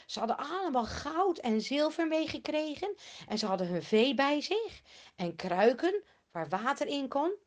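A woman's voice: sits high, sing-song, moderate pace. A woman telling a Bible story to children, asking her young listeners questions as she goes.

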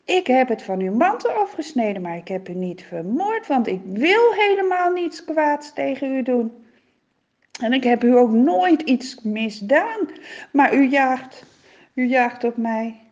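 A woman voicing a young man who calls out loudly and pleadingly to a king in a storybook tale. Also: high-pitched, very animated, unhurried, lo-fi sound. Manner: pleading, emphatic.

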